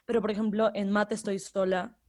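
A woman's voice: mid-range voice, flat delivery, fairly quick, darkish tone. A young adult woman with an Ecuadorian accent, co-hosting a casual podcast chat and laughing often. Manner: giggly, chatty, laughs often. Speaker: podcast co-host, university freshman.

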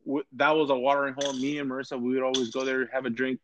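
A man's voice: medium pitch, flat delivery, rapid-fire, noisy background. A man, chatting casually as a guest, stammering, repeating words and swearing a lot. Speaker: podcast guest. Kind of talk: casual chat.

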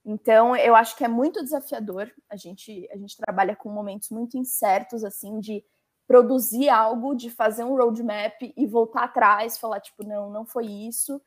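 Brief: young Brazilian woman, guest, chatty and lively, fairly high voice. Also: moderate pace. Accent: Brazilian Portuguese. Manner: chatty, lively, uses many fillers. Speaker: legal coordinator, guest. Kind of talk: conversational interview.

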